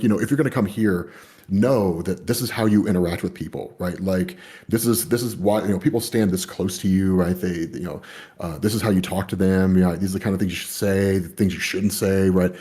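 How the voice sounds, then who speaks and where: This man speaks in a mellow voice that sits on the low side. He's chatting casually and rambling, packing in plenty of fillers and "you know," with the odd swear word slipping out.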